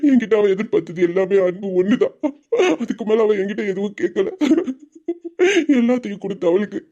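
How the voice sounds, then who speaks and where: A man's voice: high voice, fairly even intonation, brisk, dark tone, muffled recording, natural voice. An actor playing a grieving brother who pleads emotionally for his sister's husband to show her love. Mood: remorseful.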